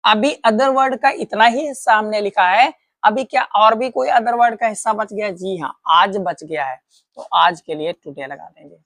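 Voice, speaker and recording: An English teacher with a medium-pitched, fairly bright voice gives a patient, step-by-step grammar lesson, posing questions and answering them herself. She speaks at normal speed, in studio-quality sound with no room noise.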